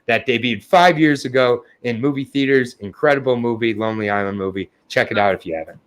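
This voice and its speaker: A young man co-hosting a casual podcast, mixing profanity with self-deprecating humor. His voice sits at an ordinary middle pitch, and he gets flustered and trips over his words when praised. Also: fast. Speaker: podcast co-host. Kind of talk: casual chat.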